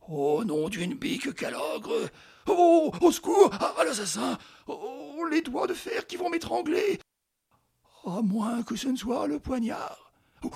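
A man's voice: very high-pitched, vocal fry, full character voice. A man playing a gleeful, taunting old male druid in a radio play, stammering and cackling as he mocks his foe. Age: older. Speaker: radio drama actor. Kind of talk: theatrical radio play acting.

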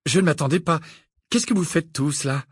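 A man's voice: on the high side, moderate pace, breathy edge, dry recording, studio quality. A man voicing a reserved teenage boy who speaks plainly and hesitantly.

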